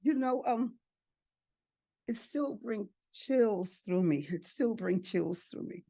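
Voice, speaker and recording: A woman's voice: medium pitch, lively intonation, slow, mellow, husky, no echo, studio quality. An older woman, an adoptive and foster parent, giving a heartfelt personal testimony and repeating phrases for emphasis. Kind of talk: emotional personal testimony speech.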